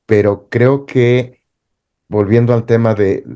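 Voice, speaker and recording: A man speaking as a teacher and guest in an interview discussion, thoughtful and halting, with frequent restarts. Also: mid-range voice, fairly even intonation, dark tone, smooth, highs cut off.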